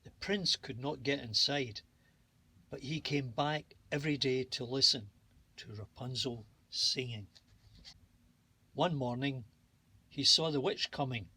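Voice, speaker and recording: A man narrating a children's bedtime story at an unhurried, gentle pace. His voice is bright with a slightly husky, breathy grain, and the reading stays calm and soothing. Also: medium pitch. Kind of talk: bedtime story read-aloud.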